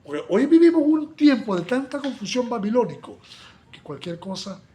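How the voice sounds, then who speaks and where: Animated, high-pitched preacher. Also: male voice, moderate pace. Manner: animated, acts out little dialogues, shifts between loud exclamations and soft asides. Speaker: Bible study teacher. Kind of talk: Bible study sermon.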